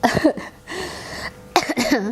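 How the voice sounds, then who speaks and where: A woman guest casually telling a personal story in an interview, lively and acting out what her family said. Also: sits high, extremely slow, background noise. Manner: animated, acts out family members' lines in quotes; talks while coughing.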